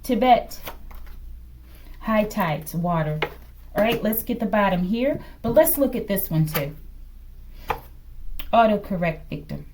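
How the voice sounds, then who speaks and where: A woman hosts an improvised tarot reading, murmuring her thoughts in fragments and often ending with a questioning "okay?". Medium-pitched and darkish in tone with lively intonation, she keeps a measured pace and pauses often, against slight background noise.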